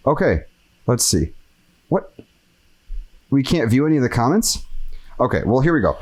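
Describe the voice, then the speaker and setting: A man's voice: mid-range voice, moderate pace. Podcast host guy, casual rant, voice swings all over, fired up and exasperated. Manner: animated, exasperated ranting. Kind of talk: casual chat.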